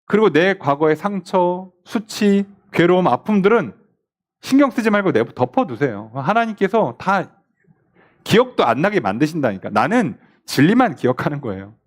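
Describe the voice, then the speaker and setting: A man's voice: high voice, normal speed. Pastor guy teaching bible study in church, voice jumps all over, quizzes the class, mimics the mockers. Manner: animated, asks the class questions and mimics scoffers.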